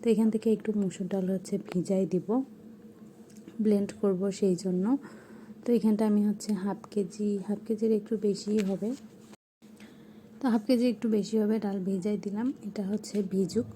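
A young woman narrating her home vlog in a soft, hushed voice-over. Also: medium pitch, little pitch movement, normal speed, a little hiss or hum. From Bangladesh. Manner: soft, hushed talk so a sleeping child stays asleep. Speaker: vlogger.

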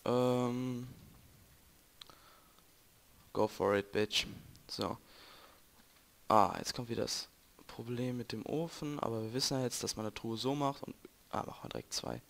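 A man's voice: mid-range voice, fairly even intonation, measured pace, gravelly, long pauses. A young man with a German accent, chatting and joking to viewers while playing a game. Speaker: let's play gamer. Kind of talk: casual gameplay commentary. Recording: noisy home recording.

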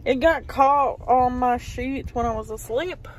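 High-voiced Southern woman vlogging in a car. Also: unhurried, a little hiss or hum. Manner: chatty, keeps addressing viewers as y'all. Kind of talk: casual chat to viewers. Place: inside a car.

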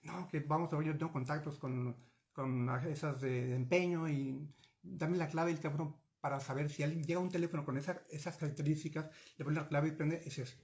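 This fortyish man from Mexico tells a personal story on a video call, speaking through the webcam from a cramped home office with bookshelves. His voice is fairly high and brisk, and he comes across as animated and gesturing, hesitating a lot and restarting sentences.

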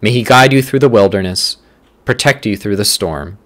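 A man with a somewhat low voice reads scripture and leads prayer for a church's daily devotion. He speaks in measured, deliberate short phrases. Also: a bit bright. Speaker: church reader leading morning prayer.

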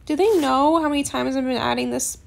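A woman's voice: sits high, a little fast, vocal fry. A woman hosting a gaming channel, chatting casually over her gameplay in a bubbly, giggly way and playing up small setbacks with mock melodrama. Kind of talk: casual game commentary.

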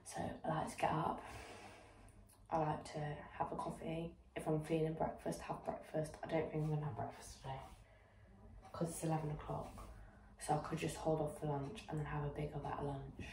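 A young woman vlogging casually at home, chatty and rambling, poking fun at herself and dropping into soft whispery asides. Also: deep voice, monotone, fairly quick, noisy background. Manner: chatty, rambling, self-mocking. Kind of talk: casual vlog chat.

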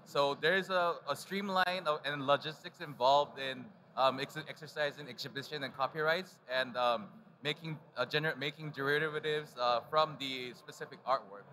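A man's voice: on the high side, moderate pace, sharp tone, slight background noise. A man speaking on a conference panel with a handheld mic, hesitant and full of ums and uhs. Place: large conference stage.

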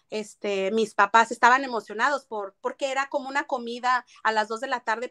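A woman's voice: on the high side, fairly bright tone. A woman giving a personal testimony in an interview, telling her story earnestly and slipping into English phrases. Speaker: interviewee recounting her past.

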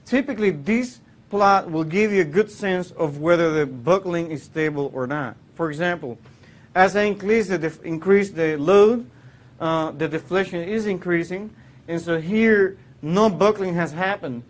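A man's voice: sits high, moderate pace. A man from Puerto Rico, in his thirties, giving a classroom engineering lecture, explaining with many fillers and restarts. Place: lecture hall.

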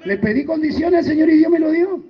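Pastor, very high gravelly voice, emphatic sermon, dull lo-fi church recording. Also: male voice, animated, fast talker. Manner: emphatic preaching with sudden rises and drops.

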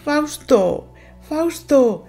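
A woman's voice: a little high, big pitch swings, normal speed, dark tone, soft background music, voice pushed up. A woman voicing a playful, coquettish young girl in a storybook, sweet and mocking. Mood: pleading. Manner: sweet, mocking, sobbing by turns.

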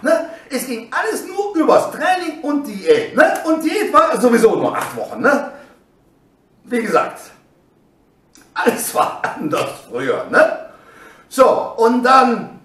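A middle-aged man tells stories casually and with animation. He tags nearly every phrase with "ne?" and bursts into shouted exclamations. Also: extremely high pitch, recorded from a distance. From Germany. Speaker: bodybuilder telling his past. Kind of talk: casual storytelling. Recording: echoey room, voice away from the mic.

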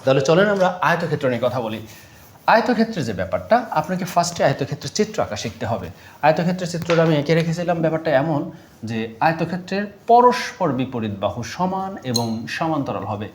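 A man's voice: a little high, very animated, fast talker, echoey room, a little hiss or hum. A man teaching a math lesson patiently, repeating key terms and asking questions before he answers them. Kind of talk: classroom-style math lesson.

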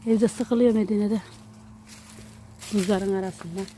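A woman with a mellow, warm-toned voice of middling pitch strolls through her rural garden, chatting casually to her viewers and her little daughter. She is recorded outdoors on a handheld camera. Faint outdoor ambience sits behind her. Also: steady tone, slow, slight background noise. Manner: chatty, addressing viewers and her small daughter while walking. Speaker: vlogger and mother. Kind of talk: casual garden tour vlog. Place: outdoor home garden in the countryside near a mountain.

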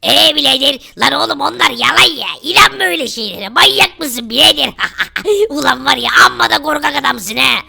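A woman's voice: high-pitched, animated, a little fast, gravelly, hardly any pauses, bright, forceful tone, full character voice. A woman voicing a scoffing, dismissive young poor man in a Minecraft role-play. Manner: mocking, dismissive.

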